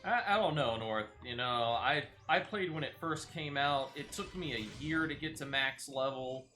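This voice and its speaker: A game streamer chats casually with a viewer while he plays, his mid-range voice moderately paced, pushed, and bright, with faint music behind him.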